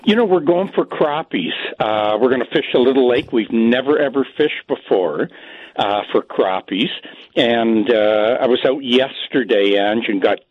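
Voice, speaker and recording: A man's voice: mid-range voice, a little slow. An older man, a fishing guest talking casually and chattily, with lots of fillers and easy laughter. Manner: chatty, laughs easily, many fillers and restarts. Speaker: fishing editor and radio guest. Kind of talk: casual chat on a phone-in. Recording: muffled dry phone line.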